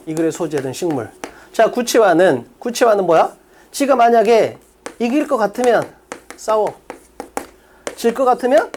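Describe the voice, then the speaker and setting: A man teaching an English exam-prep lecture in Korean, emphatic and quick to drop into low asides. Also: darkish tone.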